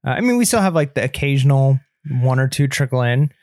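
A man talks casually as a podcast co-host, moving along at a quick clip. His voice is mid-pitched, and the recording is tight and dry. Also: sing-song, a little mellow, no echo.

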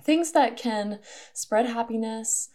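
A woman's voice: fairly high pitch, slow pace, a little mellow. A young adult woman hosting a solo podcast, talking in a casual, earnest way with many fillers. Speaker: podcast host.

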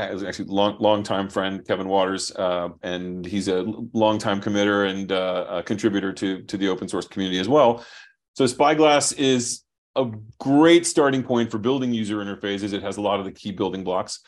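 Heard over a video call, a man who founded a software company walks through his product on a shared screen as a guest. He speaks quickly in a lowish voice, restarting as he thinks out loud.

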